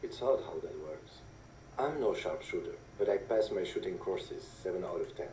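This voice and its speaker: An actor playing a calm, reserved male police lieutenant who speaks in a measured, understated way. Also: low voice, slight background noise. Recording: roomy distant game audio.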